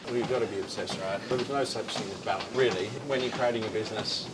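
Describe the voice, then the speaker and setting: Fast-talking man chatting on a treadmill over loud noise. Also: fairly low pitch. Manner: talking while exercising on a treadmill. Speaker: gym company founder and CEO. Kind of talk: casual interview chat. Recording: loud ambient noise behind voice.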